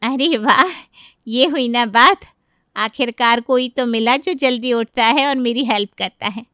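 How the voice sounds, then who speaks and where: Cartoon mom-in-law, fussy and nagging, high sharp voice played by a woman. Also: measured pace, no echo, clean studio sound. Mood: exasperated. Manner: complaining, exasperated scolding. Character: fussy exasperated middle-aged mother-in-law. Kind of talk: cartoon voice acting.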